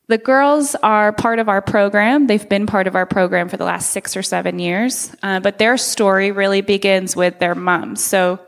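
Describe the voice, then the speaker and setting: An earnest woman from the States in her thirties speaks to a church crowd, friendly and open, stopping often on soft uhs. Her voice carries through a big hall with a long reverb tail. The pitch sits mid-range for a woman. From United States. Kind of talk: presentation to a church congregation.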